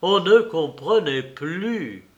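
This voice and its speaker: Slow, deliberate male audiobook reader. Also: fairly high pitch, animated, dull audio. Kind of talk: scripted narration of a novel.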